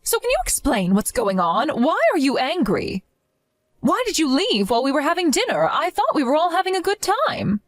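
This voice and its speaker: A woman voicing a middle-aged mother who calmly and pointedly questions her son-in-law in a dramatized chat story. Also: high-pitched, moderate pace, dry recording, studio quality.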